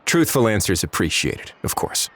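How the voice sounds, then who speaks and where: An actor playing a composed, authoritative official in a video game, speaking with polite, measured firmness. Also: male voice, on the low side, big pitch swings, gravelly, a little hiss or hum, exaggerated voice. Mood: dryly firm. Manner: polite, measured, quietly firm. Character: composed, authoritative male official questioning a suspect.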